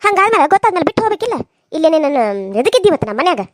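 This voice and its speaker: A gentle cartoon daughter-in-law, voiced by a woman, pleads in a very high, thin voice. She talks quickly and tearfully. The sound is dry and close. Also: lively intonation, no room sound. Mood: pleading. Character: meek, loving young wife from a poor family. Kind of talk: cartoon serial voice acting.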